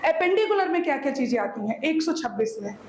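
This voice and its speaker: High-voiced Hindi-accented woman teaching in an echoey room. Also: sing-song, quick pace, darkish tone, slight background noise. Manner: checks understanding often, repeats answers; points to own body while explaining. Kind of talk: classroom lecture on the skeleton. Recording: echoey room, faint ambience.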